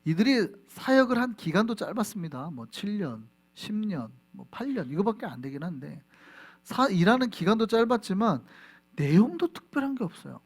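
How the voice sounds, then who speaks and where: Animated high-voiced Korean pastor preaching. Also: male voice, normal speed. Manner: animated, asks the congregation questions and answers them himself. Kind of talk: sermon. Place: church sanctuary.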